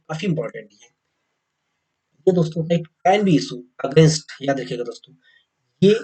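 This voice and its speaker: An Indian man giving an exam coaching lecture, mixing Hindi with slowly read English legal text and often repeating key points to the viewers. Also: a little high, mellow, breathy edge, poor audio. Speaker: teacher.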